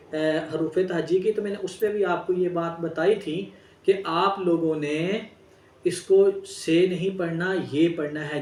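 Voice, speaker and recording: A man's voice: a little high, a little mellow. A man teaching a Braille lesson, spelling out each word letter by letter and talking straight to his students. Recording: echoey room, distant mic.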